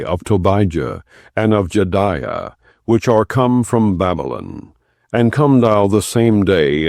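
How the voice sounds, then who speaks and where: With a low, gravelly voice and a darkish tone, this man narrates a scripture audiobook in a solemn, plain style. He speaks deliberately, pausing between clauses, and the studio sound is clean with no echo.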